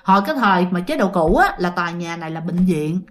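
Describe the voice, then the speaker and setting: A woman voicing an old male night guard, telling things in a low, grave way. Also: animated, fast talker, fairly bright tone.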